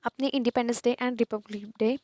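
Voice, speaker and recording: An Indian woman teacher going through a textbook chapter, slowly reading English lines and explaining them in Hindi. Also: fairly high pitch, fairly even intonation, a little mellow, dry recording, studio quality.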